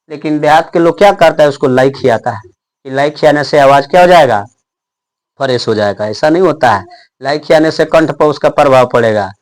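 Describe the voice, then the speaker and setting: Teaching a class, a young man with a fairly high-pitched voice poses his own questions and then answers them. He takes his time to pronounce every letter one by one.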